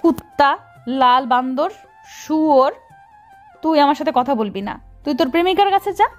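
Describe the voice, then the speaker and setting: A woman voicing a jealous, hot-tempered young wife in an audio story who hurls angry, shrill insults. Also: animated, normal speed, a little mellow, faint music behind. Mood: furious. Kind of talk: Bengali audio story acting.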